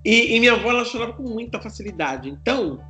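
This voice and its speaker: A woman's voice: on the high side, fast talker, soft background music. A woman in a casual chat telling family stories, acting out relatives in quoted voices. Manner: animated, acts out family members in quoted voices. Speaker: podcast co-host.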